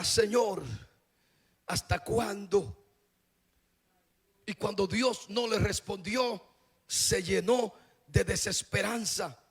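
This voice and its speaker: A man preaching a sermon as pastor, with a sing-song delivery that builds into impassioned shouting. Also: high-pitched, husky.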